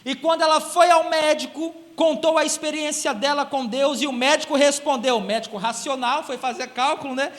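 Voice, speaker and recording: A Brazilian man preaching a sermon in a church, emphatic and animated, swinging between loud emphasis and quiet asides. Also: very high voice, fairly quick, hardly any pauses, in a large hall. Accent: Brazilian Portuguese. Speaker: guest preacher. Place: large church hall.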